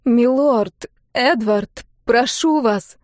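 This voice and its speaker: A woman's voice: a little high, a little fast, a little mellow, no room sound, clean studio sound, voice pushed up, lightly acted. A woman voicing a humiliated captive countess who pleads in a raised, urgent voice. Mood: pleading. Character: desperate, humiliated captive noblewoman.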